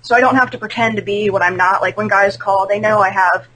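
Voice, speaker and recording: A woman's voice: medium pitch, fairly even intonation, fast talker, pushed and bright, slight background noise, rough recording. A woman in her twenties, a podcast guest on a video call, talking candidly and laughing often. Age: 20s. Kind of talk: casual podcast chat. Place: at home on a call.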